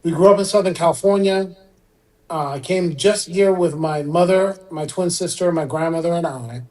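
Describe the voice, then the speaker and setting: A middle-aged man born in Iran, a surgeon speaking as a guest on a radio interview, explaining in a relaxed way with occasional fillers. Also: a little high, normal speed, rough recording.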